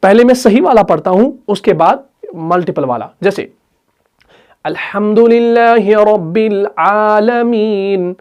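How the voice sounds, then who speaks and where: A man, teaching a recitation class, explaining slowly and asking and answering his own questions. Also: sits high, darkish tone, highs cut off. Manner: recites Quranic verses in drawn-out chant. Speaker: tajweed teacher. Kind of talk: online Quran recitation lesson.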